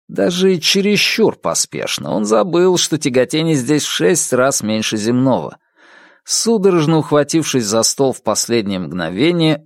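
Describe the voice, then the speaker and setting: A man narrating an audiobook in an expressive, measured reading. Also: mid-range voice, no echo, clean studio sound. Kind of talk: scripted narration.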